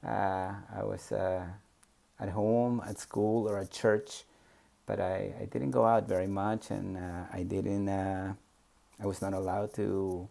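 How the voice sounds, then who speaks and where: His voice sits low, gravelly and warm. He's a Peruvian memoir storyteller with a Spanish accent, recalling his life in a hesitant, reflective personal reminiscence peppered with fillers.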